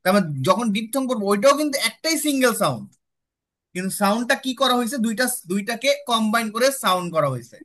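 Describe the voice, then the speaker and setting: Young male tutor with a Bangladeshi accent, high bright voice, checks in with students a lot. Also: animated, fast talker. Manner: explains step by step, checks in with students often. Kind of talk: classroom lecture with student questions.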